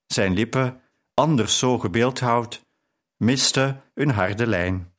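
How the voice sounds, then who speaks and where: Man, audiobook narrator, measured, even storytelling. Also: mid-range voice. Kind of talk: scripted narration.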